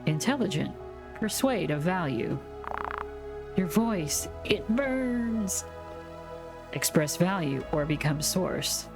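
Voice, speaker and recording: A woman's voice: lowish voice, expressive, takes it slowly, pauses often, music in the background. A woman voicing a cold, cryptic alien in a game, speaking in clipped, broken phrases without emotion. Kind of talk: reading game dialogue aloud.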